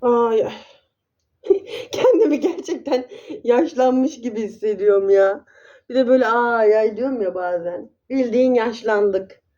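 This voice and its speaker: A woman's voice: on the high side, unhurried, mellow, muffled recording. A woman chatting casually in a vlog, affectionately calling her viewers dear ones. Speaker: vlogger.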